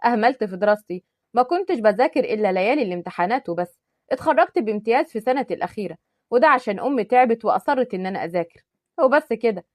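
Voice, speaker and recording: A woman's voice: on the high side, expressive, quick pace, no echo, studio quality. A woman voicing a teasing young man, Egyptian. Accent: Egyptian Arabic. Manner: joking, teasing. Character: young man, teasing joker with a soft heart.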